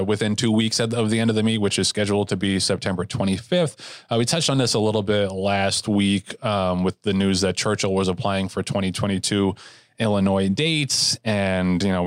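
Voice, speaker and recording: Low-voiced man ranting on a podcast. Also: smooth, dry recording, clean studio sound. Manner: heated, frequent restarts and fillers. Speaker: podcast co-host. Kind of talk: casual chat.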